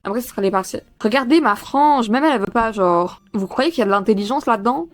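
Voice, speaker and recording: A woman's voice: on the high side, lively intonation, quick pace. A young woman student chatting casually in a vlog, self-mocking and swearing often, recorded in her bedroom. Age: young adult. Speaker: student vlogger. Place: bedroom at home.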